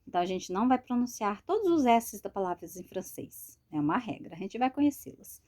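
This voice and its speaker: Lively Brazilian woman teaching French. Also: medium pitch. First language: Portuguese. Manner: slow drilled repetition of French words; lively, sing-song teaching voice. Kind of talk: screen-share language lesson.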